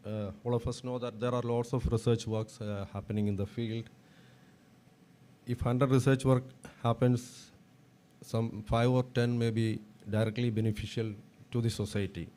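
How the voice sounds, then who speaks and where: Subdued, sore-throated Indian man, dark voice. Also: medium pitch, flat delivery, a little hiss or hum. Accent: Indian, Kerala. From Kerala, India. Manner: formal, halting with repeated words. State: sore throat, unable to speak loudly. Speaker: guest speaker, veterinarian. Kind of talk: prepared motivational research talk.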